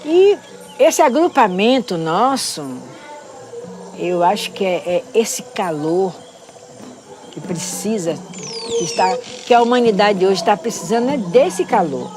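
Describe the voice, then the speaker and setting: A woman speaking reflectively in an interview, often pausing to search for her words. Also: mid-range voice, expressive. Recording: music playing underneath.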